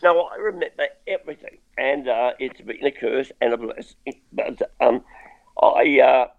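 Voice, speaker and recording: A man's voice: mid-range voice, normal speed, vocal fry. Crackly-voiced man on a dull line. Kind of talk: casual remote interview.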